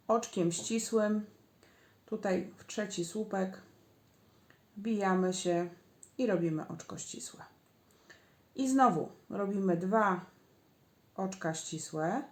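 Woman crochet teacher, unhurried step-by-step guidance, echoey room. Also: medium pitch, a little mellow. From Poland. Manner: slow, patient instructions, counting stitches aloud. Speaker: crochet instructor.

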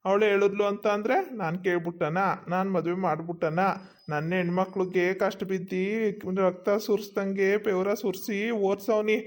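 A man with a fairly high voice plays a drunk village father in a comedy skit. He blusters and curses roughly at his family. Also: little pitch movement, moderate pace.

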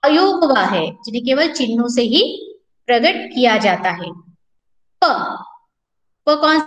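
A woman teacher with a Marathi-influenced Hindi accent leads a recorded online class in a high, clear voice. She talks slowly and patiently, posing questions to the pupils and answering them herself. The room has a noticeable echo on the laptop mic. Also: big pitch swings. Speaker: school teacher. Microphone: laptop or headset mic on a recorded video call.

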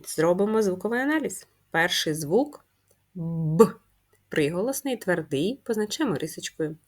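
Her voice on the low side with lively intonation, a primary school teacher leads a first-grade handwriting lesson. She is patient and drawn-out, spelling things out clearly and answering her own questions.

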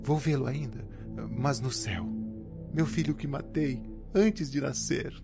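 A man's voice: medium pitch, unhurried, gravelly. A man voicing a dying young woman, bitter and despairing, speaking faintly and breathlessly over background music.

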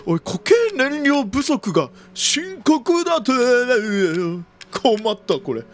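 A man doing jumpy let's-play commentary of a horror game, often repeating exclamations quickly and using old-man turns of phrase. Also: extremely high pitch, very animated, a bit bright, soft background music. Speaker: video game streamer.

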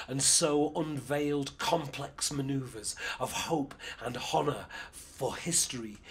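Male spoken-word poet, measured rhythmic declamation, unhurried and husky. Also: mid-range voice. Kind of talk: spoken-word poetry performance.

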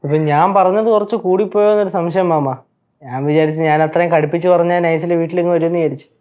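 A man's voice: on the high side, fairly even intonation, a little mellow, close to an everyday voice. An actor playing an anxious young son who talks worriedly to his uncle in a TV sitcom. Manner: worried, rapid. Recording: TV sitcom with music underneath.

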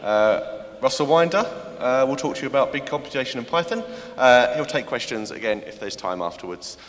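Session chair, mid-pitched man, halting intro, reverberant hall. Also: expressive. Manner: hesitant, with fillers. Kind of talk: introducing a speaker.

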